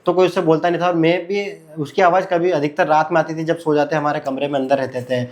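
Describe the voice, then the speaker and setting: A man's voice: a little high, steady tone, fast, a little mellow. A man casually telling a personal story, repeating his phrases and speaking conversationally with fillers.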